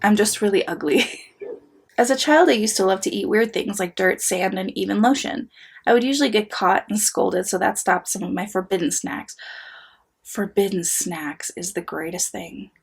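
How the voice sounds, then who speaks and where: A woman's voice: medium pitch, moderate pace, gravelly, husky. A woman gleefully reading confessions aloud in a casual, amused way, breaking into wry, sweary asides. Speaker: host reading listeners' anonymous confessions aloud.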